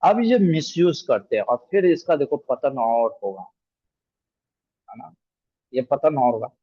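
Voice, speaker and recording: A man's voice: medium pitch, animated, measured pace, slightly rough, no echo, muffled recording. A man giving a scripture discourse, telling the story with animation and acting out the quoted lines. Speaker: scripture teacher.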